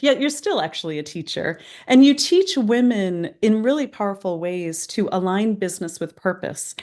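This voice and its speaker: A woman's voice: mid-range voice, a little mellow. A woman hosting an interview in an earnest, inspirational way, her speech slightly impeded by a new dental retainer. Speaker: interview host. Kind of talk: warm-up introduction and interview questions, partly scripted.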